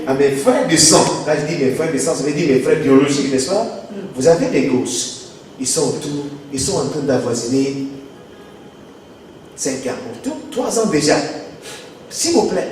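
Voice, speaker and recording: Animated pastor. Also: male voice, a little high, slight background noise. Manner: emphatic, repeats rhetorical questions. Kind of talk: sermon. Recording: echoey hall, voice far from mic.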